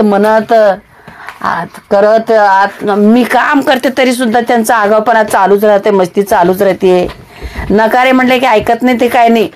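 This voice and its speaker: A woman's voice: medium pitch, darkish tone, slight background noise. Chatty woman narrating a home vlog. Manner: chatty, rambling, with frequent fillers and restarts. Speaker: vlogger.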